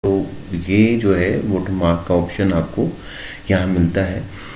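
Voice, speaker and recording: A man explaining a word processor step by step in a screen-recorded tutorial, pausing often with filler sounds. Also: low-pitched, a little hiss or hum. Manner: steady explaining with frequent filler pauses. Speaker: computer teacher.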